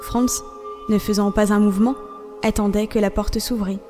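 Woman narrating with music behind. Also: medium pitch. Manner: measured, expressive storytelling. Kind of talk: audiobook narration of a classic novel.

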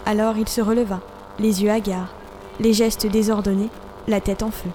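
A woman narrating a classic novel as an audiobook, in a measured, expressive storytelling voice over a music bed. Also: mid-range voice, slight background noise.

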